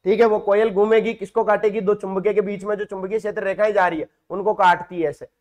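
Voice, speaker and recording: A man's voice: sits high, fairly even intonation, fast talker, a little mellow. A man teaching physics as a classroom lesson, explaining step by step, asking and answering his own questions and calling students "beta".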